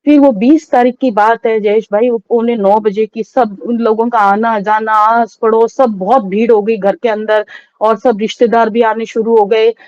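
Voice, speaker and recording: Middle-aged woman telling a sad personal story, mellow soft voice, halting, dry dull-sounding recording. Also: a little high, steady tone, no echo. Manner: halting, sorrowful retelling with many restarts. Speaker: interview guest. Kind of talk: emotional personal testimony.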